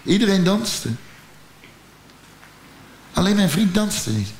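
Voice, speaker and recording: A man with a Dutch accent doing stand-up storytelling, blunt and profane with a deadpan delivery. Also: high-pitched, takes it slowly, echoey room, a little hiss or hum. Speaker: stand-up comedian.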